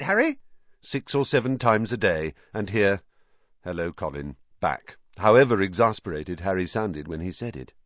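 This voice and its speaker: A man reading an audiobook in scripted narration, expressive and voicing the characters. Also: deep voice, no echo, dull audio.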